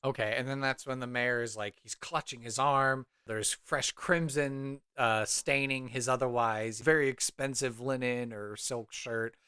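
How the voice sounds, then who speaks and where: A man narrating a tabletop role-play scene as game master, in a relaxed, rambling way full of fillers. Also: medium pitch, unhurried, hardly any pauses, clear, resonant tone, no room sound, clean studio sound.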